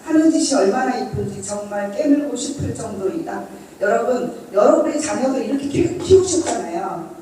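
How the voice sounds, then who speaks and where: A woman's voice: on the high side, lively intonation, moderate pace, mellow, a little hiss or hum. Woman telling stories from far off in an echoey hall. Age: middle-aged. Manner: reads diary entries aloud, then chats with listeners, asking them questions. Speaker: speaker reading from her parenting diary. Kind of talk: storytelling talk to an audience.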